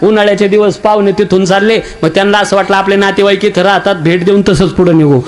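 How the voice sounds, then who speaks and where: A man with a high, bright-sitting voice leads a comic kirtan sermon. He jokes with the old women in the crowd and slips into quick acted exchanges between husbands, wives and guests. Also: fairly even intonation, faint music behind. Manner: jokey, addresses elderly women in the audience, acts out dialogue. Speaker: kirtan preacher.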